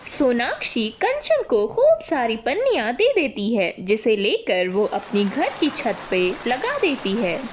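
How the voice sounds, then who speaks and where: A woman's voice: a little high, big pitch swings, measured pace, hardly any pauses, a little hiss or hum. Woman narrating a cartoon story.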